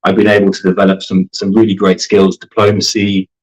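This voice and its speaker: Brief: man in his 30s, interview guest, slightly low pitch, articulate and orderly. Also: monotone, fairly quick, poor audio. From grew up in Germany, the UK and Canada. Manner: articulate, organized, lists points in order. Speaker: sports marketing team leader, guest. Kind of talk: conversational interview answers.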